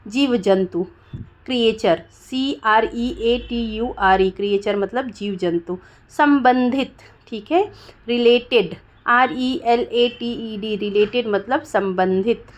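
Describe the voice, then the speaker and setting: A woman teaching English vocabulary, spelling each word letter by letter and checking in with her viewers. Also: on the high side. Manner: slow, deliberate spelling with frequent "theek hai dosto".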